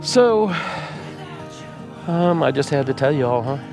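A man vlogging from his RV, talking tearfully and haltingly with many pauses and fillers. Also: mid-range voice, expressive, creaky, music in the background. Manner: rambling, halting, with many ums and uhs. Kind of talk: casual vlog talk to camera.

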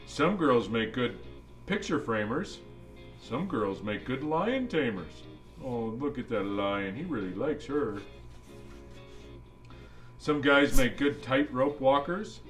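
A man's voice: medium pitch, a bit bright. A man playing a jolly old Santa Claus, reading a children's storybook aloud with playful, musing asides to the kids. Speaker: storybook reader.

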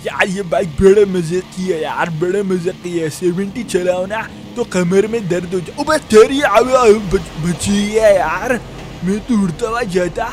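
A man's voice: high voice, a little mellow. A young man with a Pakistani Urdu accent, voicing a broke, chatty shop helper in a GTA role-play who rambles to himself with frequent chuckles. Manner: rambling self-talk, frequent chuckles and "yaar".

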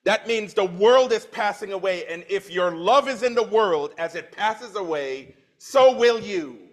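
A man's voice: sits high, lively intonation, measured pace. A man in his forties from Trinidad, preaching a sermon in church, reading scripture with swelling emphasis and dropping into plain conversational asides. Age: 40s.

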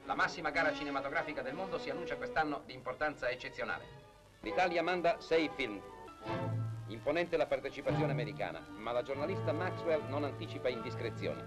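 A man's voice: medium pitch, animated, fast talker, poor audio. A man giving formal, declamatory narration for an old late-1940s newsreel. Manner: formal, declamatory announcer delivery. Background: music.

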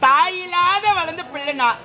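Woman doing a teary young bride, high bright voice, pleading a lot, folk stage play with a little music behind. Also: moderate pace, a little hiss or hum, exaggerated voice. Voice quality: emotional, pleading delivery. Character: young woman about to marry, tender and tearful. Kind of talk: open-air folk stage drama.

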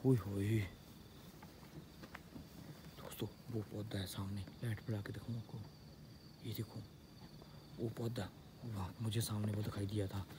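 A man filming a night ghost-hunting vlog outdoors on a handheld camera, jumping from startled loud cries to hushed whispers. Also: on the low side, level tone, normal speed, long pauses, background noise. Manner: jumpy, exclaims often, switches between loud cries and hushed whispers. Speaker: paranormal vlogger.

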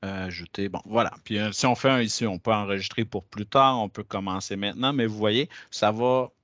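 A man with a Québécois French accent walking teachers through classroom software in a chatty, hesitant way, with plenty of fillers. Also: on the low side, a little fast, no room sound, highs cut off. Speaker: educational technology trainer. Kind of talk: screen-share software demo. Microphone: headset.

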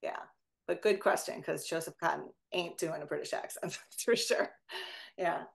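A woman leading a casual academic discussion over a video call, talking in chatty, digressive runs with quick asides. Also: deep voice, vocal fry. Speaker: discussion leader.

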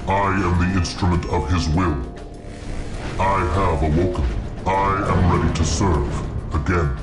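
An actor voicing an ancient male warrior entombed in a war machine, speaking slowly and solemnly as if booting back up. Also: low-pitched, fairly even intonation, loud music behind the voice. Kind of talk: video game unit voice lines.

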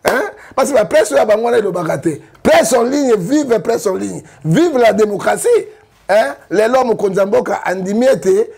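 A man from Congo with a Congolese French accent, giving animated political commentary full of rhetorical questions. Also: high voice, moderate pace, gravelly, breathy edge. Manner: emphatic, rhetorical questions, frequent "hein?".

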